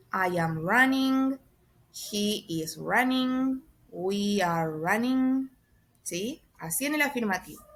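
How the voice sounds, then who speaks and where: A woman teacher explaining a grammar exercise step by step, patiently, with frequent soft checks for understanding and slowly spelled-out examples. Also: on the high side. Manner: spells out letters and stretches example sentences. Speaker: English teacher. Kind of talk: recorded class explanation.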